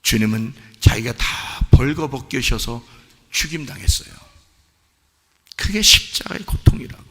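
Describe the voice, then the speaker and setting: A male pastor preaching a sermon with a raspy voice, firing rhetorical questions and swinging between hushed lines and shouting. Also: mid-range voice, sing-song, moderate pace. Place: church sanctuary. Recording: long hall reverb.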